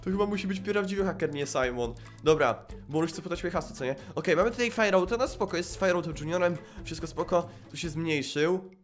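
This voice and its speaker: A young man giving excited gameplay commentary, screaming and laughing while talking to his viewers. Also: high-pitched, fast talker, few pauses, faint music behind. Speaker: gaming YouTuber. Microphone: desk microphone with webcam.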